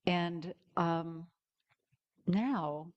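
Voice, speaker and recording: An older woman, a guest minister, giving a candid, personal sermon in a slow, pausing way. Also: lowish voice, no room sound, highs cut off. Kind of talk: conversational sermon.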